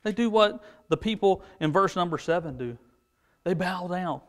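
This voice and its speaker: High-voiced man preaching to children. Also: moderate pace. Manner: animated storytelling, frequent restarts. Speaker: junior church preacher. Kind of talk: children's Bible lesson. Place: indoor studio set at a pulpit.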